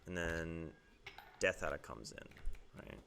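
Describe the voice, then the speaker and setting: Playful deep-voiced gamer man. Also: expressive, takes it slowly, gravelly, a bit bright, smooth. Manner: playful, thinks aloud, bursts into squeals and laughs. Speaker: gameplay streamer. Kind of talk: casual gameplay commentary.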